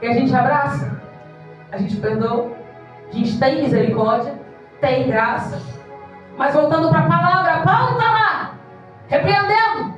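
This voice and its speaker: A woman's voice: high voice, a little slow, long pauses, lo-fi sound, soft background music. A woman pastor preaching an impassioned evangelical sermon, acting out the voices of congregants. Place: church hall. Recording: echoey church hall from far off.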